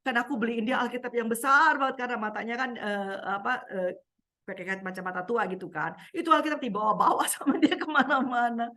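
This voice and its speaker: A woman's voice: fairly high pitch, brisk. A woman pastor preaching a sermon, telling a personal story with acted-out quotes and frequent laughter. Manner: lively storyteller acting out voices and quotes, laughing often.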